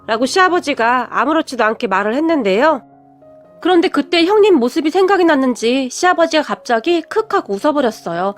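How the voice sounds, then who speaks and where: A woman narrates a first-person radio story in a steady, scripted way. Her voice is high. Soft music plays faintly underneath. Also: fairly quick.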